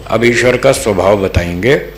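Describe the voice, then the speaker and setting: A man from North India teaching a patient, slow scripture lesson to a live group, often checking that they follow. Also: lowish voice. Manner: patient, checks understanding with the audience. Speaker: religious teacher. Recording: echoey room, faint hum.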